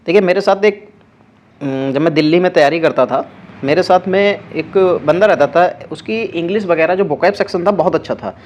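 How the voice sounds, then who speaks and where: A man's voice: a little high, fairly quick, dull audio, slight background noise. A young man teaching an exam-prep vocabulary lesson, spelling words out letter by letter.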